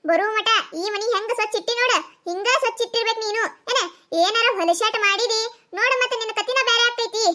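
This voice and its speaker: A woman voicing a sharp-tongued, scolding village mother-in-law in a cartoon comedy, with a North Karnataka accent. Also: very high voice, quick pace. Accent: North Karnataka Kannada. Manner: nagging, sarcastic, scolding.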